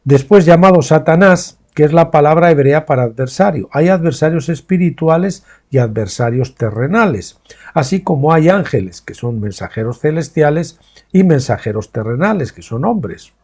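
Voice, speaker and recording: A man's voice: fairly high pitch, animated, a little mellow. A man reading a Bible study aloud, breaking off with his own asides and questioning tags to check that listeners follow. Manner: pauses to explain names and terms in his own words. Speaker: Bible teacher.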